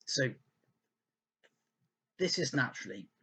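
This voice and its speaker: A man's voice: medium pitch, expressive, takes it slowly, bright, forceful tone, slightly rough. A man giving casual, rambling football analysis, thinking aloud with many ums and restarts while hiccuping. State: hiccuping and burping. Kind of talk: casual spoken analysis over slides.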